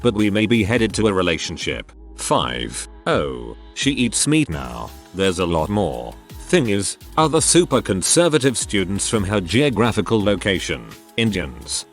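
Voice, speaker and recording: Low-voiced man reading stories aloud. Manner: reads out short posts one after another. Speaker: narrator. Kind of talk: scripted narration of online posts.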